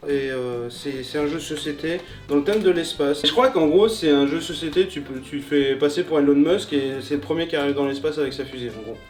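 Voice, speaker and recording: Brief: hesitant co-host man, slightly high voice, off-mic, faint music under. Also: a little fast, few pauses, a little mellow, far from the mic. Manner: hesitant, full of fillers. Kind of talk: casual chat.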